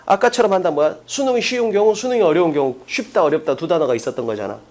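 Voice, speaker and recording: A man with a fairly high voice lectures an exam-prep class. He talks in an emphatic way and keeps firing short questions at his students to drill the main points. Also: expressive, rapid-fire, a little mellow. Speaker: English teacher.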